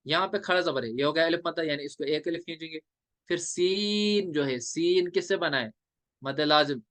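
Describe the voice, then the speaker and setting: A male teacher explaining recitation rules step by step, drawing out letters in slow chanted examples. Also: fairly high pitch, a bit bright, no room sound. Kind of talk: classroom lecture on recitation rules.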